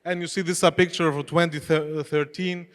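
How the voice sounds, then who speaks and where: His delivery flat and his pace moderate, a fairly high-voiced man gives a chatty conference talk from an expo hall stage. Greek is his first language, and as head of e-commerce he questions the audience in loose English. The recording carries the long reverb of a large hall.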